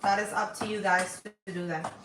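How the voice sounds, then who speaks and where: A woman's voice: mid-range voice, fairly even intonation, normal speed. Woman in her forties, cooking-stream host, chatty, echoey kitchen, faint background noise. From Dominican Republic. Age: 40s. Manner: chatty, talks to viewers while cooking. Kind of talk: casual live cooking stream. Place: home kitchen.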